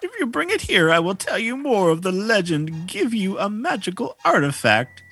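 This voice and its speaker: A man voicing an old male village elder who speaks in grand, drawn-out proclamations, as a game-style bit in a casual chat. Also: high-pitched, sing-song, a bit bright, breathy edge, faint music behind, voice pushed up, heavily acted. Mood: grandiose.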